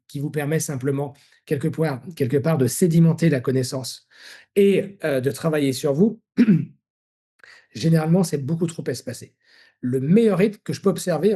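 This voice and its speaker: A man's voice: on the high side, dark tone. A middle-aged man presenting his negotiation training programs in a live webinar, explaining at length and answering his own rhetorical questions. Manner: explanatory, frequent fillers and restarts, rhetorical questions.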